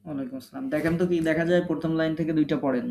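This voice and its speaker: A man with a Bangladeshi Bengali accent teaching a live online Quran recitation class. He patiently corrects students one by one, drawing out sounds slowly and repeating them. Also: a little high, fairly even intonation, darkish tone, slight background noise. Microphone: online class call.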